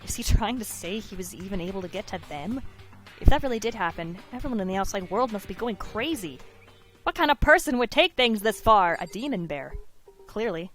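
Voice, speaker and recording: A woman's voice: mid-range voice, brisk, soft background music. Giggly young woman playing a game. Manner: giggly, animated, reads narration and dialogue aloud. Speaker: let's play host. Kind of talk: casual game playthrough with dialogue reading.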